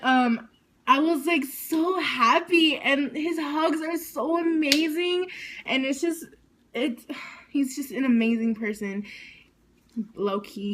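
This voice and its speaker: A woman telling a story to her vlog audience, excitable and rambling, saying "like" constantly. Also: high voice, slight background noise. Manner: excited, rambling, heavy use of "like". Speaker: vlogger.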